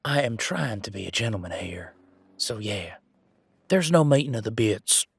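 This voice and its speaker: Man playing Gavin, gravelly low-voiced flirty werewolf. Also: lively intonation, normal speed, no room sound, full character voice. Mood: playfully flustered. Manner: teasing, informal, conversational. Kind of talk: roleplay audio drama, one side of a dialogue.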